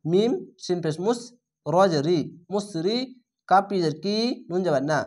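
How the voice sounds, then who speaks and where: A man's voice: high-pitched, a little mellow. Bangladeshi man spelling out recitation. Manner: spells each letter and vowel, then chants the word slow and drawn out. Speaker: Quran reading teacher.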